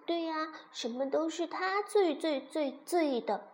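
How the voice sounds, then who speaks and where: A woman's voice: high voice, a little slow, pitched above the performer's own voice. A woman voicing small baby ankylosaur siblings who stammer and protest in a children's storybook.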